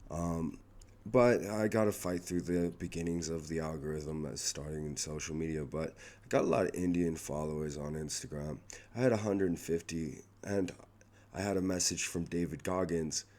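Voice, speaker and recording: Very deep-voiced man rambling in a vlog. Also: a little mellow. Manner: rambling, halting, many restarts and "like" fillers. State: losing his voice. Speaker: vlogger. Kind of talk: rambling personal vlog update.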